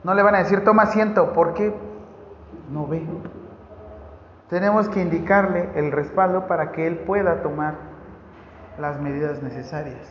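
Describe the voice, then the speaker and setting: A man with a Mexican accent giving a lively, joking classroom lecture to nursing students and asking the class questions. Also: fairly high pitch, normal speed, pauses often, a little hiss or hum. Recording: echoey hall, dull lo-fi sound.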